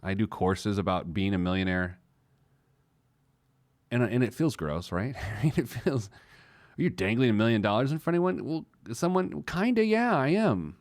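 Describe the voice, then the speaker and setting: Medium-pitched and lively in intonation, this man speaks at normal speed with no echo. He runs a personal finance show in a casual talk show monologue with some letter reading, drifting off playfully, making fun of himself, and repeating phrases for emphasis.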